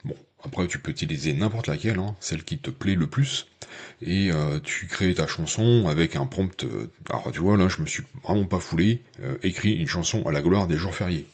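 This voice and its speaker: A man with a very deep, husky voice walks the viewer through a software tutorial in a loose, chatty way. He hesitates often and fills the gaps with fillers while talking straight to his audience. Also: expressive, normal speed. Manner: addresses viewer informally. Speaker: tech channel host. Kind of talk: casual screen-share tutorial.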